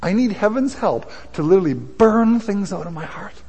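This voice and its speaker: A male pastor preaching a sermon to his congregation in a church hall, building from quiet, low passages to loud, impassioned ones. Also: lively intonation, normal speed, husky. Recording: long reverb of a hall.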